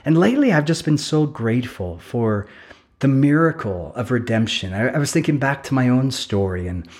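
A man's voice: medium pitch, animated, normal speed, a little mellow. A man from England preaching a sermon as a pastor, earnest and emphatic, building his points with repeated phrases and self-deprecating asides.

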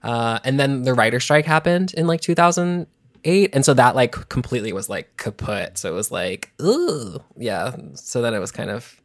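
A man in his thirties, a former child actor, chatting casually as an interview guest, rambling and animated with constant "like"s. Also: medium pitch, normal speed. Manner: rambling, heavy use of "like", animated.

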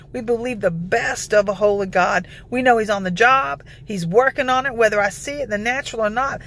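Gravelly-voiced woman preacher, background noise. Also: on the high side, fairly bright tone. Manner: emphatic, declarative, peppered with scripture citations. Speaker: intercessory prayer preacher. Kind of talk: informal devotional exhortation.

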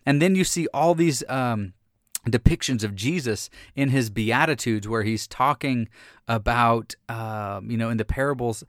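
A pastor in his thirties gives a casual faith talk in an earnest, animated way, often restarting his sentences. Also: medium pitch, a little slow, no room sound, clean studio sound.

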